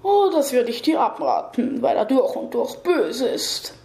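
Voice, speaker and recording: A woman's voice: on the high side, sing-song, a little slow, creaky, mellow, full character voice. Woman voicing a solemn ghost guardian. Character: red-haired male ghost guarding a tunnel, solemn. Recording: echoey room.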